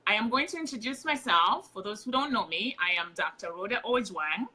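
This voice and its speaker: A woman's voice: mid-range voice, expressive, fairly quick, bright, forceful tone, poor audio. A woman with a Kenyan accent, a nurse practitioner, chatting as a guest on a casual livestream interview and laughing easily.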